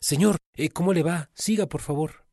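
A man's voice: a little high, moderate pace, warm tone, dry recording, studio quality, pitched above the performer's own voice. A man voicing a group of tired male servants who complain about their master. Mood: eager, polite. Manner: complaining, exasperated.

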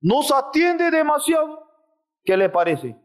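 A man's voice: extremely high pitch, big pitch swings, slow pace. A man preaching a sermon with drama, acting out the voices he quotes.

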